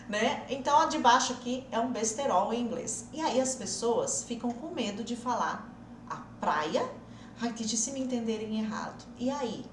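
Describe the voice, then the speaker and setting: A woman with a fairly high voice leads an online English pronunciation lesson, coaxing learners and repeating each word slowly so they can practice. Her voice rings in an echoey room with a faint hum of ambience behind it. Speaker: English teacher.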